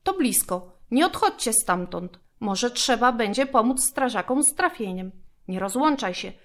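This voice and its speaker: A calm emergency dispatcher from a children's story, played by a woman. The voice is steady and instructive. Every instruction is spelled out clearly. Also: fairly high pitch, measured pace, pitched above the performer's own voice.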